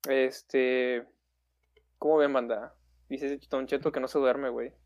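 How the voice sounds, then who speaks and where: A man's voice: medium pitch, little pitch movement, slow, darkish tone, highs cut off. A man hosting a livestream chat, heavy on slang and joking with his audience. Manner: slangy, says "güey" constantly, joking with viewers. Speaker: livestream host. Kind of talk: casual chat.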